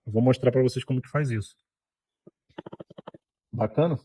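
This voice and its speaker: A man's voice: medium pitch, moderate pace, dark tone. Man giving a conversational lecture. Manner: conversational, frequent tag questions. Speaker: speaker at a hospitality conference.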